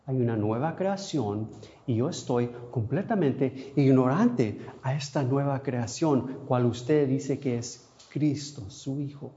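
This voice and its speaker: A man preaching a sermon, emotional, swinging between soft, quiet passages and sudden louder cries, with long pauses. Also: medium pitch. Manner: non-native Spanish, asks how to say a word. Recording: dull lo-fi sound.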